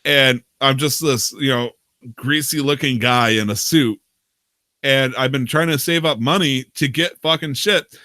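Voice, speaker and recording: A podcast host, a man with a bright, keen tone, casually rambling through a story with plenty of swearing and laughs. The sound is dry with no room echo. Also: medium pitch, measured pace. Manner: profane, rambling, laughs often. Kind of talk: casual storytelling about a roleplay game.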